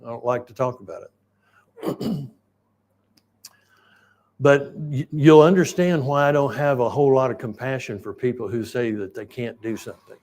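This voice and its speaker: A man, preaching a sermon in a folksy, rambling storytelling way and clearing his throat now and then. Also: medium pitch, moderate pace, long pauses, darkish tone. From Oklahoma, United States. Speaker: pastor.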